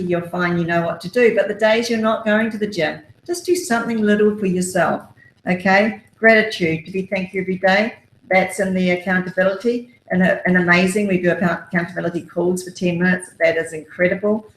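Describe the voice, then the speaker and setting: A woman's voice: medium pitch, steady tone, brisk. A woman, an author giving upbeat, encouraging self-help advice with many fillers. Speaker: author and guest. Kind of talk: motivational self-help talk. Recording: roomy echo.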